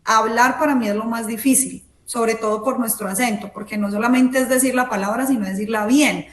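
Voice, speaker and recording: Lady guest talking it through, kinda high voice, roomy echo. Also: steady tone, brisk. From Latin America. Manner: explains step by step, with examples. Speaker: interview guest. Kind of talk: casual interview. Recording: echoey room.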